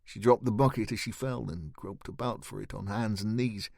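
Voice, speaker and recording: Gravelly guy reading a fantasy audiobook, steady, super dry sound. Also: on the low side, moderate pace, no echo. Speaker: audiobook narrator. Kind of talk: scripted audiobook narration.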